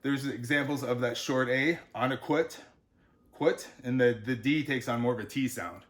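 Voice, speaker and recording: A male author gives a relaxed, unscripted pronunciation lesson in a medium-pitched voice at a moderate pace. He sounds out words syllable by syllable, with frequent fillers in between.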